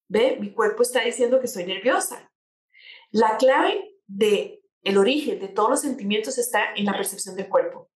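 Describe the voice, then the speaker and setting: A woman speaking as a coach on changing attitudes, explaining her points with rhetorical questions and everyday examples. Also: a little high. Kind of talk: conversational talk show guest. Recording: echoey room.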